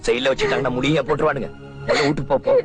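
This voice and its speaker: A man's voice: medium pitch, fairly even intonation, very fast, lightly acted. An actor playing a proud, hot-tempered village man and protective husband in a film scene, commanding and fiery. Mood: urgent. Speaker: village headman. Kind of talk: Tamil film acting. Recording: film soundtrack with loud music.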